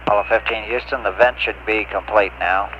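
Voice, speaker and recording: Ground controller over muffled radio loop, short procedural calls, lowish voice, clear hiss. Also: male voice, steady tone, a little fast. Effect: air-to-ground radio loop. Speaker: capsule communicator. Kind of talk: terse radio exchange.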